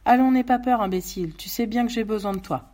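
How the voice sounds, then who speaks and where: A woman voicing a gruff armed man giving orders. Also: on the high side, fast talker, warm tone, voice pushed up, lightly acted. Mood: menacing. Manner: curt, threatening orders. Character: armed menacing man, weary and threatening.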